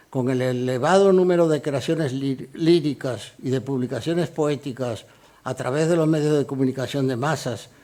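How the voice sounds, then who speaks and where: A man giving a measured university lecture on poetry, explaining meter and reading short verse examples slowly. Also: medium pitch, mellow. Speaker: lecturing poet. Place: lecture hall.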